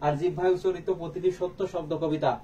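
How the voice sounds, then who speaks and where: A high-pitched man with a mellow voice and flat, fast delivery leads a live online exam-prep class. He fires off rhetorical questions and answers them himself, sitting a bit back from the mic while a faint hiss runs underneath.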